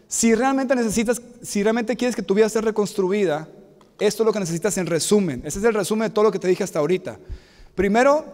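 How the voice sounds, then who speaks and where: Brief: male pastor, earnest preaching style, high voice, church hall reverb. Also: darkish tone. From Mexico. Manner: earnest, repeats key phrases, asks the congregation to respond. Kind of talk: sermon. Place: church sanctuary.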